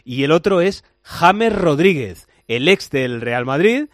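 A man with a Spanish accent hosting a night sports radio show, reading the day's football news with brisk, wry delivery into a studio microphone. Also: fairly high pitch, expressive, no echo. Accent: Spanish (Spain). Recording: dry studio sound.

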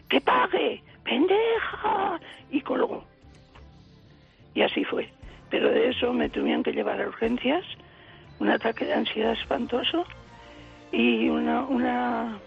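An 85-year-old woman from Aragon, calling in by phone and telling a distressing story with tearful, animated emotion. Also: a little high, creaky. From Aragon, Spain. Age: 80s. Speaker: caller. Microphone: telephone. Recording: muffled phone line.

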